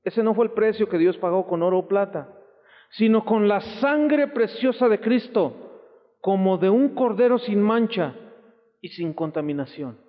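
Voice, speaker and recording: Speaking at a measured pace in a high register, a Mexican man preaches as a pastor, emphatic and exclamatory, bringing quoted voices into his stories. This sermon in a church hall survives on a tinny 1990s lo-fi recording soaked in long reverb.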